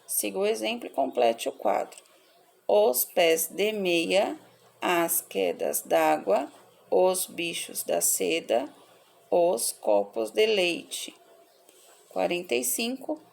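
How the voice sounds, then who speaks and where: Going through word lists one by one, a teacher corrects workbook answers for children, reading them aloud in a slow, patient, measured manner for her pupils. She has a medium-pitched, slightly mellow voice marked by heavy gravelly fry.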